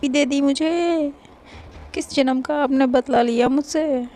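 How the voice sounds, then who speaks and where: A woman's voice: sits high, steady tone, unhurried, dark tone, voice pushed up. A woman voicing a playful, clingy young woman in love who teases, dramatizes and repeats herself when flustered. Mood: exasperated.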